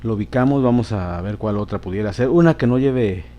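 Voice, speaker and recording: A man's voice: fairly low pitch, fairly quick, muffled recording. A man teaching a grammar lesson, patiently repeating words and checking in with his listeners.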